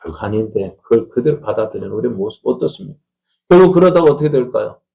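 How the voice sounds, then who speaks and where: A man's voice: fairly low pitch, expressive, fast talker, vocal fry, mellow, low-quality recording. A middle-aged man, a pastor, preaching a conversational Sunday sermon in a church, asking the congregation questions and acting out family quarrels. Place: church sanctuary.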